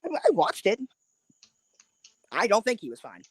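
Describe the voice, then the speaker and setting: A man's voice: high-pitched, huge pitch swings, normal speed, breathy edge, dry recording. A man co-hosting a sports podcast in casual debate, persistent and pushing his point.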